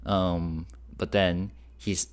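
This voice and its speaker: A man's voice: sits low, drawn-out words, clear, resonant tone. Laid-back guy translating a livestream. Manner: relaxed, chuckles while explaining. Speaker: reaction host and translator. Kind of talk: casual commentary.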